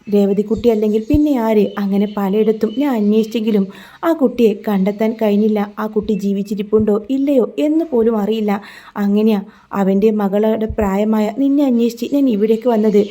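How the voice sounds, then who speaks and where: A woman reads the part of a grieving old grandfather, remorseful and pleading, in a storybook retelling. The voice is very dark and mellow, and it speaks slowly with a heavy heart. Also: mid-range voice, natural voice.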